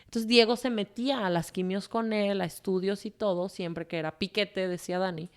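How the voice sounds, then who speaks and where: A woman with a Mexican Spanish accent tells her own story as a guest. She talks frankly and emotionally, curses without holding back, and strings her thoughts together with lots of fillers. Her voice sits at an ordinary middle pitch. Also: fairly even intonation, moderate pace. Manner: frank and emotional, swears freely, rambles with fillers. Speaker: guest telling her testimony. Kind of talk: candid conversational storytelling.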